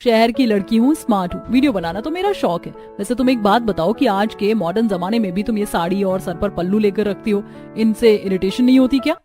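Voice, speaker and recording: A woman's voice: medium pitch, a little fast, dark tone, faint music behind, close to an everyday voice. A woman voicing a vain, mocking young city woman in a narrated family story, talking in a showy, scornful way. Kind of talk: storybook voice acting.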